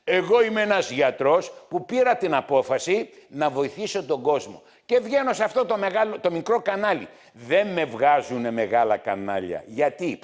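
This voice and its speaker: A middle-aged man hosting a health show as a doctor, scolding his viewers loudly and repeating his points again and again. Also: fairly high pitch. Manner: loud, scolding, repetitive, hammering points. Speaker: TV doctor host.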